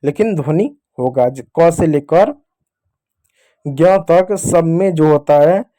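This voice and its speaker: Male teacher, patient, repeats himself, talks to learners as children, slightly high voice, mellow. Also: takes it slowly. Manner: patient, addresses viewers as children, repeats key points. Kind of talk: beginner Hindi reading lesson. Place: teaching at a board or screen with a pen.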